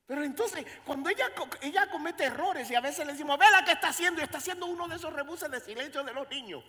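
A male pastor preaching a sermon in church, swinging between quiet passages and loud dramatic exclamations. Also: very high-pitched, animated, fast.

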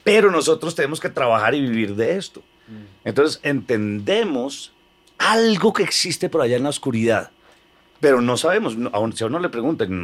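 A man chatting casually as a comedian guest. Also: medium pitch. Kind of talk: casual chat.

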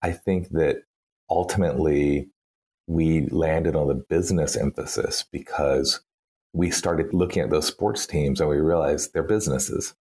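Rumbling low and unhurried, the voice is mellow with a breathy edge. It belongs to a Texan campaign strategist, a man from Texas with the accent to match, guesting in an interview. He chats casually, thinking aloud with plenty of "like" and "you know".

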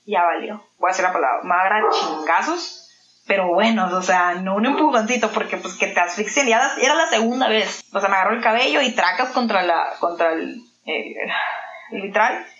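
A woman's voice: medium pitch, a bit bright. A woman with a Mexican accent, a guest in an interview, telling a personal story and acting out the dialogue she quotes. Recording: roomy, slightly dull sound.

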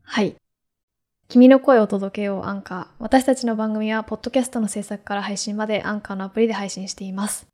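A woman's voice: medium pitch, steady tone, quick pace, warm tone. A woman hosting a podcast in casual chat, speaking politely but loosely. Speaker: podcast host.

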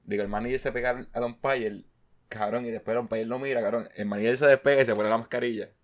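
Animated man telling stories. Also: medium pitch, quick pace. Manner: animated storytelling, constant swearing, mimics players. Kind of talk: casual chat.

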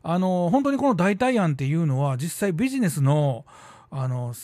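A middle-aged man with a Kansai accent chats on his own show in a slightly high voice, musing aloud with quick asides and drawn-out pauses. The sound is close and dry, with no room around it. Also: sing-song, warm tone, no room sound. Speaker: theater troupe leader and podcast host. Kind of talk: casual solo radio talk.

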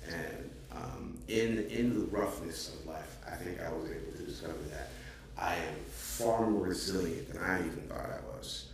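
A man in his thirties with a voice that sits low talks at a normal speed, recorded from a distance. He's a podcast co-host chatting casually but earnestly and reflectively, with many filler words, and the audio is echoey and off-mic with faint noise.

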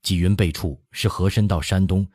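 A man giving voice to a contrite young noble general in an audiobook, low and dark, earnest and self-reproaching, with a husky edge. the reader keeps close to his own deep voice. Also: fairly even intonation, normal speed, no echo.

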